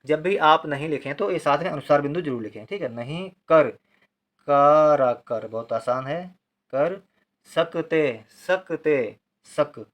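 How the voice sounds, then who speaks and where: A man gives a patient handwriting lesson, breaking every word into syllables and saying each one slowly, more than once. He often asks why, then answers it himself in a calm, even teaching voice. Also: on the high side. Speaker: Hindi writing teacher.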